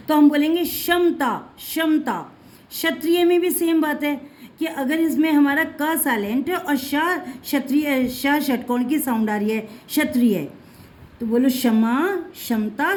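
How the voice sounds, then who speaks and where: A woman's voice: high voice, darkish tone. A woman teaching Hindi letters to children, patiently repeating each sound and mixing in words.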